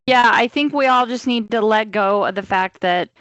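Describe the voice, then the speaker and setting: A woman's voice: fairly high pitch, normal speed, fairly bright tone, dry recording, dull audio. A woman joins a casual film review podcast with blunt, wry remarks. Her voice is recorded dry and close.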